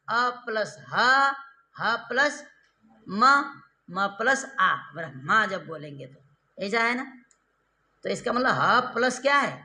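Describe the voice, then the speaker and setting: A man teaching Sanskrit grammar in a classroom lecture, repeating terms and quizzing his students with rhetorical questions, slowing down and drawing out key syllables. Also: high-pitched, sharp tone. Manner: slow, drawn-out stressed syllables when explaining.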